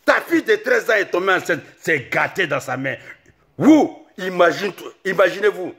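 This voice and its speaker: Comic man, shouty repetitive rant, high gravelly bright voice. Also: animated, moderate pace. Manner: ranting, repetitive, often shouting. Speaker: comic vlogger.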